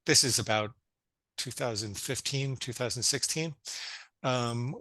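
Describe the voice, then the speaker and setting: Man, 50s, interview guest, earnest storyteller, frequent restarts, forceful tone. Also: medium pitch, measured pace, no echo. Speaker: guest psychologist. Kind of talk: casual interview chat.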